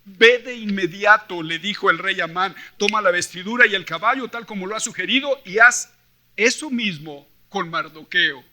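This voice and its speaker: At a church convention, a male preacher with a Mexican accent speaks at normal speed in a high, very bright, forceful voice. His sermon blends Bible reading with personal stories, and he tells it like an animated storyteller, acting out dialogue and hammering points home with rhetorical questions to the audience.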